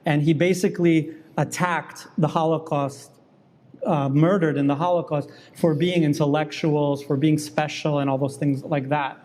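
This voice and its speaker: A man in the guest seat of an interview, arguing his case insistently and quickly, often cutting in. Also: a little high, steady tone, darkish tone. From New York. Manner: fast, insistent, interrupts and argues back. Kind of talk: heated political debate.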